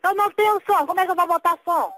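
A woman's voice: extremely high pitch, racing, sharp tone, no echo. A woman, heard over a phone line as a prank call target, denying things indignantly. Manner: defensive, indignant denials. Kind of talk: phone conversation.

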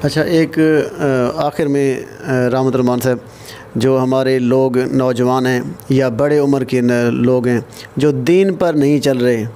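A man interviewing a cleric, asking his question in a polite, deliberate way. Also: medium pitch, fairly even intonation, warm tone, slight background noise.

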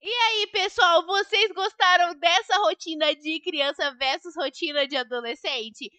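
A Brazilian woman host speaks in an upbeat, chatty way with a Brazilian Portuguese accent. Her voice is high and bright, recorded dry and close. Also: a little slow, no echo. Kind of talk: casual game video chat.

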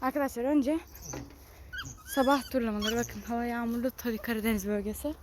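A woman's voice: fairly high pitch, fairly even intonation, a little fast, a little hiss or hum. A woman talking casually to her viewers while walking her dogs outdoors on a muddy farm. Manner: talks to viewers, then shouts sharp commands at the dogs. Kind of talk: casual vlog talk to viewers.

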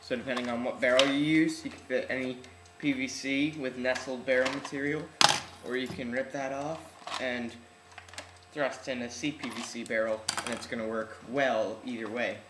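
A man's voice: mid-range voice, fairly even intonation, normal speed. A teenage man with slightly odd articulation from braces, giving an offhand, slangy, unscripted demonstration for a casual home vlog. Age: teens. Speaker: hobbyist video host. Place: large room at home, indoors. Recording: echoey room, noisy webcam-style audio.

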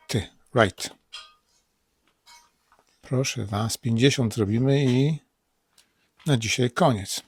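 A man with a Polish accent teaching English pronunciation in a casual spoken lesson, saying words over and over slowly. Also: medium pitch, husky, no room sound, clean studio sound. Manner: repeats words slowly, drilling them aloud.

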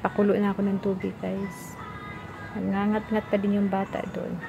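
A woman's voice: medium pitch, completely flat delivery, normal speed, vocal fry, lo-fi sound, over music. A woman who is a mother and vlogger, filming at home and chatting casually to her viewers between bursts of playful baby talk. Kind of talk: casual home vlog, talking to camera and baby.

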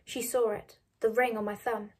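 A woman reading a novel aloud, measured and dropping soft on narration. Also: fairly high pitch, flat delivery, husky. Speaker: reader of a novel.

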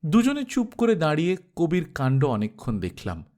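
A man reading a literary short story aloud in an expressive manner, acting out the characters. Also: fairly high pitch, normal speed.

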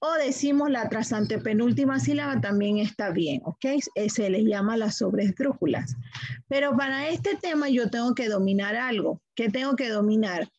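A fairly high-pitched woman teaching a lesson in a dry, close-sounding setting. She is middle-aged and explains step by step. She poses questions to the class and then answers them herself. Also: moderate pace, darkish tone, no echo, dull audio.

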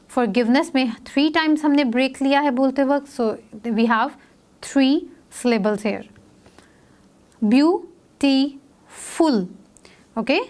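A woman teacher with a Pakistani accent, giving a classroom grammar lesson and spelling words out slowly, piece by piece. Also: on the high side. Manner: slow, careful word-by-word spelling out.

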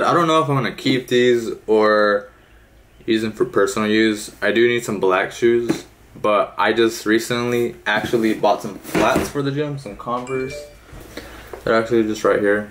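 A man's voice: on the low side, fairly bright tone, a little hiss or hum, poor audio. Laid-back young man vlogging from his car. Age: young adult. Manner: laid-back, rambling with many fillers. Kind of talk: casual vlog chat. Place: parked car, then gym.

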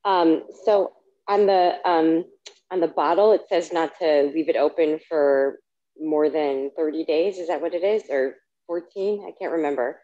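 A woman's voice: deep voice, steady tone, measured pace, dark tone, dry recording. Hesitant woman, dull lo-fi call audio. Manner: hesitant, questioning. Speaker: class attendee asking a question. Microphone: video call. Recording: dull dry video call line.

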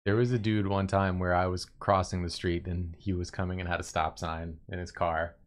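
Man, very deep voice, casual chat, dry matter-of-fact story. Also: little pitch movement, moderate pace. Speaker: co-host of an art stream.

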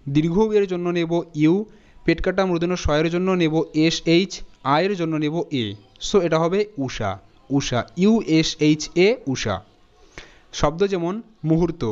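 Male teacher, smooth higher voice, methodical letter-by-letter spelling, lo-fi recording. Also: a little mellow. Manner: slow, spells words out letter by letter. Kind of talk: spelling lesson. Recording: dull lo-fi sound.

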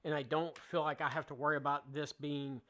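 A man in his thirties talks through a woodworking tutorial in a casual, plainspoken way, with a slightly raised pitch for his sex. He explains each step as he goes, from inside his home workshop. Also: little pitch movement, a little fast, bright, forceful tone. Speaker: woodworking channel host. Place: home woodworking shop, indoors.

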